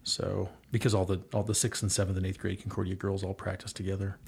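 A middle-aged man with a low, gravelly, darkish voice and a breathy edge talks fast in a completely flat delivery. He's a guest and volunteer girls' basketball coach, rambling casually and earnestly about coaching his kids, full of fillers and restarts.

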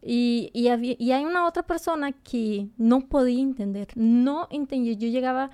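Woman, Brazilian accent, native Portuguese speaker, guest, earnest, warm mellow voice, a bit high. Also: normal speed. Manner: earnest, repeats herself, searches for words. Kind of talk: casual interview chat.

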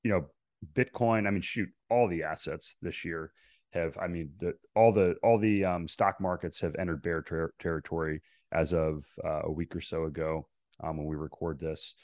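Deep-voiced podcast host, dry sound. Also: male voice, moderate pace, no room sound. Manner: animated, chatty, lots of fillers. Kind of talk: interview hosting.

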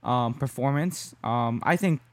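A man's voice: mid-range voice, measured pace, no echo. A man co-hosting a casual podcast, talking about his sport and often checking in with his listeners as he goes. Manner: conversational, keeps checking in with "right?". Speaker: podcast co-host and jiu-jitsu competitor.

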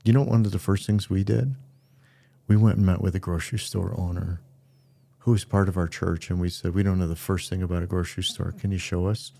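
A man's voice: low-pitched, steady tone, fairly quick, vocal fry, warm tone. A middle-aged man, a pastor co-hosting a podcast, talking earnestly and telling stories in a casual conversation. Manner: earnest storytelling, acts out quoted voices.

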